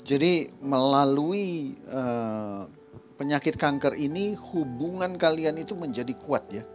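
A man's voice: a little high, expressive, slow. Encouraging male talk show host. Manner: encouraging, asks follow-up questions. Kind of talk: interviewing guests. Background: faint music.

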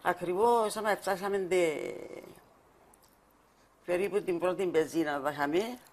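Μια ηλικιωμένη γυναίκα με κυπριακή προφορά δίνει μαρτυρία σε συνέντευξη ντοκιμαντέρ, μιλώντας διστακτικά και επαναλαμβάνοντας λέξεις. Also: female voice, lowish voice, a little mellow. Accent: Cypriot Greek. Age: older. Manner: halting, repeats words while recalling. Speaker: mother of the fallen soldier. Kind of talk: documentary interview testimony.

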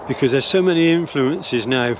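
This older Englishman vlogs while strolling through woodland with his dogs, offering rambling opinions in a musing, hesitant way full of fillers and restarts. His mid-range voice moves at a moderate pace. The handheld phone or camera sits close at arm's length, and background noise is present.

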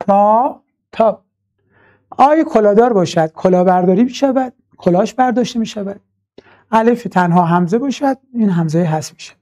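A man teaching an online class, explaining step by step, repeating key terms and slowly chanting lines of verse as examples. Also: high voice. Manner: addresses students warmly as dear ones.

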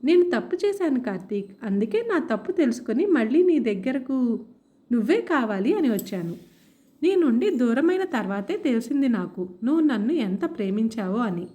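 A woman's voice: on the high side, sing-song, a little fast, mellow. A woman voicing a crying, pleading young woman. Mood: tearful pleading. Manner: pleading, begging.

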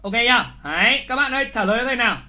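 Talking very fast in a very high voice, a male literature teacher hosts a live online exam review. His manner is playful and teasing, and he hammers home key words while loudly scolding incorrect answers.

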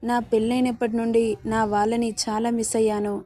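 Tender middle-aged aunt, read by a woman, soft, dry close sound. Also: a little high, little pitch movement, a little fast, no echo, lightly acted. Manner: gentle, tender.

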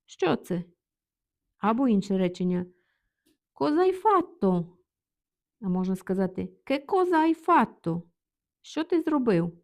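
Warm-voiced woman teaching vocabulary. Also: a little high, sing-song, a little slow, long pauses. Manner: reads example phrases, then translates each. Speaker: language teacher. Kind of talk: explaining vocabulary with examples.

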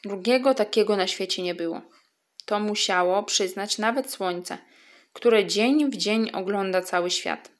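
A woman reading a children's story aloud in an expressive way. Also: medium pitch, a little slow.

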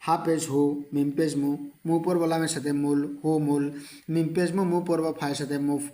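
A man's voice: a little high, level tone, fairly quick, warm tone. A man teaching Quran reading, patiently spelling out each letter and vowel and then chanting the words melodically. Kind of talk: spelling out Quran recitation lesson.

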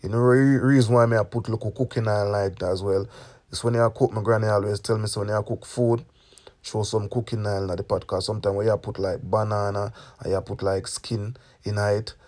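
Jamaican man, young adult, fairly low voice, casual cooking talk, home kitchen, phone camera. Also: steady tone, brisk, darkish tone. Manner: chatty, keeps asking "you get me?". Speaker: cooking channel host.

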